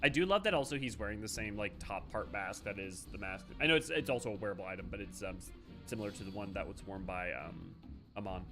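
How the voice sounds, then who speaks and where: A man's voice: fairly low pitch, expressive, fast talker, over music. A man streaming a game, chatting casually to his viewers as he comments on it.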